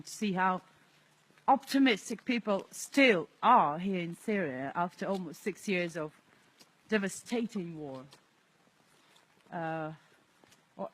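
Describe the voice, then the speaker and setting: Soft spoken guy streaming live outside, thoughtful, second-language english. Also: high-pitched, slight background noise. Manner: soft-spoken, reflective, laughs often. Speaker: livestream host. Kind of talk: casual livestream vlog. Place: outdoors in an abandoned area.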